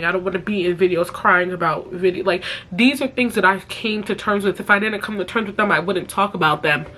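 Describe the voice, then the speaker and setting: A young woman talks straight into a close camera, her voice thick and stuffy from crying. She keeps her voice low but stays blunt and profane as she vents. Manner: speaks softly while crying. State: tearful, stuffy nose. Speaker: influencer. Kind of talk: emotional confessional vlog.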